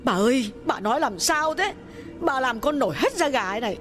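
A man performs an eager, anxious young female servant who asks curious, pleading questions, pitching his voice well above his own. The result is very high and expressive at a moderate pace, with faint music in the background.

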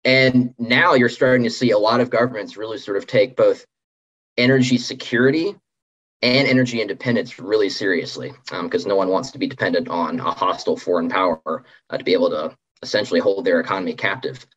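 Male interview guest, rough husky tone, conversational explainer, dull low-fidelity recording. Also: a little fast, fairly bright tone. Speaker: interview guest, policy associate. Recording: dull, lo-fi audio.

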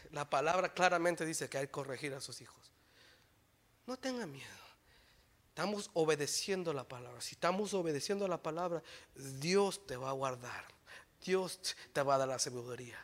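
A man preaching a sermon to his congregation, telling stories and exhorting, swinging from shouts to near-whispers. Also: on the high side.

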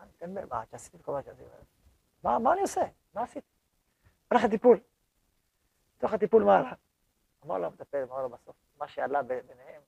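A man lectures his yeshiva students in an animated way, repeating words to drive his points home. His voice sits high for a man and is heavily gravelly and husky. The sound is close and dry. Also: no room sound, dull audio. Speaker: yeshiva head rabbi.

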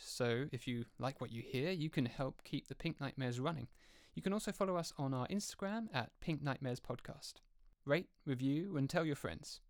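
Male host, brisk friendly promo read, dead-dry studio sound. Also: mid-range voice, dry recording. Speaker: podcast host. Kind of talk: podcast outro announcement.

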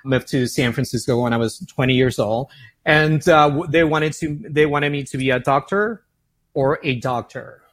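Here a man from Argentina, who founded and runs a company as CEO, fields interview questions in an Argentine Spanish accent. He's animated, with a mid-range voice at normal speed, and keeps repeating words while thinking.

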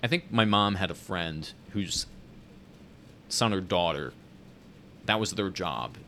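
A man's voice: low-pitched, lively intonation, takes it slowly, sharp tone, a little hiss or hum. A man co-hosting a casual chat, reading news headlines aloud and adding wry joking asides.

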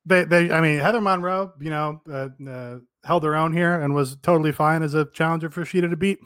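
A laid-back male co-host who talks through a podcast hesitantly, full of little pauses. His voice is mid-pitched and recorded close and dry. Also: fairly even intonation, a bit bright, smooth, no echo. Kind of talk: casual chat.

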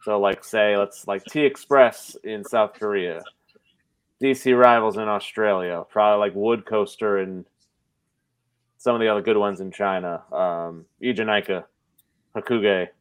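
A man's voice: fairly low pitch, fairly even intonation, measured pace, clear, resonant tone. A man chatting casually as a podcast guest, giving his opinions in a conversational, explanatory way.

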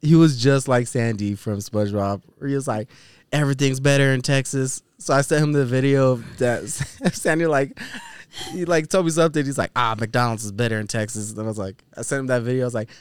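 A man's voice: medium pitch, a little fast, a little mellow, clear, resonant tone, no room sound. A man from Colorado co-hosting a casual chat, joking around, laid-back and profane. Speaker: podcast co-host.

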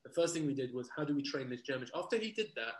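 A man telling a story as a guest, animated, acting out his own past lines and swearing casually. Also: medium pitch, fast. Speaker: guest, dog trainer. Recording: roomy echo.

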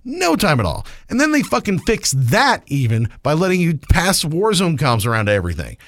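Man, podcast co-host, angry rant, heavy swearing, very animated pitch, dry close sound. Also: brisk, dry recording. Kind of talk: casual gaming podcast rant.

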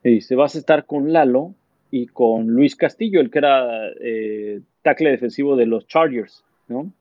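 A man's voice: mid-range voice, a little slow, no echo, lo-fi sound. A man, a sports commentator telling stories in a casual interview, acting out quotes. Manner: animated anecdote-telling, acts out quotes.

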